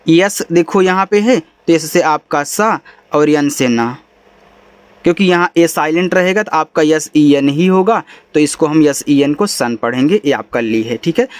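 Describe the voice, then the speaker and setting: High-voiced man teaching English, dry close sound. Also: measured pace, smooth, dry recording. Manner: patient explaining; casual and friendly, says bhai and yaar. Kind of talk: spoken lesson.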